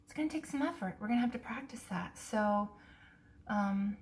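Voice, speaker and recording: A woman's voice: medium pitch, moderate pace. A woman chatting casually and thinking aloud in a piano practice vlog, her articulation slightly impeded by dental braces. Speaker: video blogger learning jazz piano. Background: piano playing at times.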